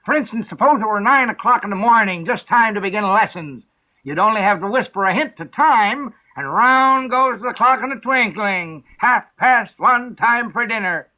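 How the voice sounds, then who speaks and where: A man's voice: high voice, lively intonation, normal speed, pitched above the performer's own voice. A man voicing the Hatter, an eccentric, rude, riddling man, with an abrupt, theatrical delivery. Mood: excitable. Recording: narrow phone-like sound.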